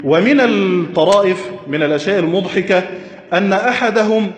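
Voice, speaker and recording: A man's voice: high-pitched, faint music behind. Man teaching in an echoey room. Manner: slow, deliberate, quizzes the listener with questions. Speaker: Arabic grammar teacher. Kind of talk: classroom lesson at a whiteboard. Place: classroom with a whiteboard.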